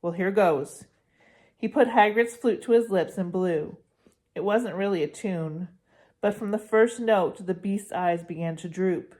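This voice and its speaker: A woman reading a storybook aloud, her voice steady and expressive. Her pitch sits in the middle of the range for a woman. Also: measured pace. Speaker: narrator.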